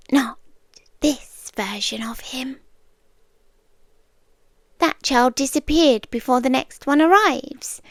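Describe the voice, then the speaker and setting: A British woman plays an ancient otherworldly being, a yandere obsessively devoted to humans she watches wistfully, in a soft, half-whispered ASMR monologue. Her slightly high voice is slow, deliberate and hushed, broken by dramatic pauses. A close ASMR mic captures it dry, with studio quality.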